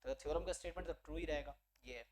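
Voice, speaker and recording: A man's voice: on the high side, racing, darkish tone. Male maths teacher explaining step by step. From India. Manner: explains step by step, mixing English terms and checking in with listeners. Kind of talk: online exam-prep lecture.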